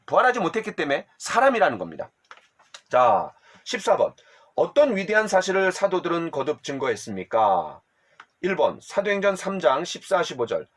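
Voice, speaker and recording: A middle-aged pastor teaches a church discipleship class with animated energy, frequently putting questions to his listeners. His voice is on the high side.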